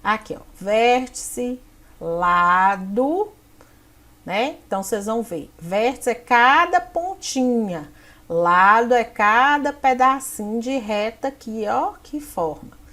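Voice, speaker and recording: A woman teacher from Brazil with a slightly high voice walks young pupils through a workbook. She explains each task patiently, step by step, pointing things out on the page as she goes. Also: animated, slow, sharp tone. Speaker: primary school teacher. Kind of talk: explaining textbook activities to children.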